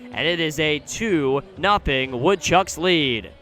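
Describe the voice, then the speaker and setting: In a live outdoor radio broadcast from the ballpark, an American man with a fairly high voice calls baseball play-by-play, detailing each moment. He stays measured but gets excited on big plays, and faint music plays in the background.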